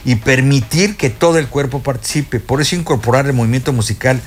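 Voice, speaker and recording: An older man with a Mexican Spanish accent chats casually on a radio show as a music expert, telling stories full of fillers and restarts. His mid-range voice moves a little fast, and a faint hiss or hum sits under the radio studio recording.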